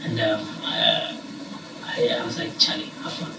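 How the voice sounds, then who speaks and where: A man, a musician guest, chatting casually in an interview. He talks in an animated way, laughs often and breaks into shouts when excited. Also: medium pitch, normal speed. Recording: roomy, from a distance, noisy background.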